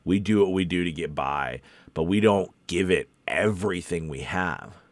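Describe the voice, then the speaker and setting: With a low-pitched, animated voice at a moderate pace, this voice actor hosts a coffee-time livestream on voice acting. He chats in a casual, encouraging, earnest way that rambles conversationally, and the recording is dry.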